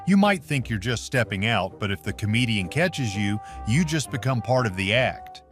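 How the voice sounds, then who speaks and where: A man narrating a comedy compilation with brisk storytelling. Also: fairly low pitch, fairly bright tone. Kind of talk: scripted narration.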